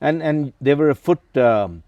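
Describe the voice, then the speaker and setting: A man's voice: a little high, lively intonation, measured pace, lo-fi sound. A man hosting a conversational interview. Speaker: interview host.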